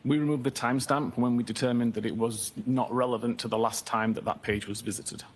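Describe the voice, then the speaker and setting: A man testifying as an expert witness in a courtroom recording, giving measured, technical answers with frequent hesitations. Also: medium pitch, steady tone, slight background noise.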